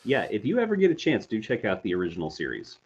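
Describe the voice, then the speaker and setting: Husky low-voiced joking man. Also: huge pitch swings, fast. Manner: joking, rambling. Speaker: co-host. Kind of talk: casual chat. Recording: dull lo-fi audio.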